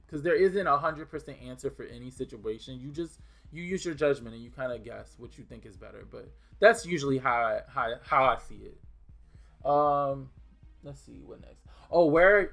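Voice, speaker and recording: A young gaming video creator from New Orleans, with a mild local accent, answers viewer questions in a casual, blunt chat. His medium-pitched voice is gravelly and a bit bright, and he restarts sentences and leans on fillers.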